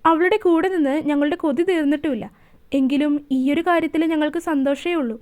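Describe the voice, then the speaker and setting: A woman's voice: high voice, brisk, a little mellow, lightly acted. A woman voicing an emotional middle-aged mother who speaks kindly and falters a little. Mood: moved.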